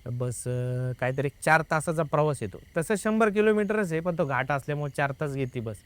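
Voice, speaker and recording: A man's voice: a little high, a little fast, smooth, no echo. A young man, a guest, telling a personal experience in casual conversation, acting out the dialogue and often adding "I said". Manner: lively, re-enacts dialogue with many "I said" tags. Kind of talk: casual spoken storytelling.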